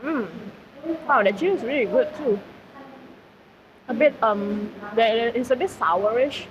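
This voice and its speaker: Eating at a food centre, a woman live-streams and chats casually with her viewers, speaking a little slowly in a fairly high voice and filling her talk with fillers as she responds to chat. The audio is slightly dull, with faint background noise.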